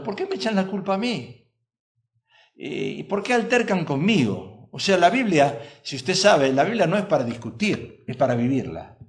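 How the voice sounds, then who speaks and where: Male pastor, sermon delivery; lively, emphatic, slightly high register, rhetorical questions to the congregation.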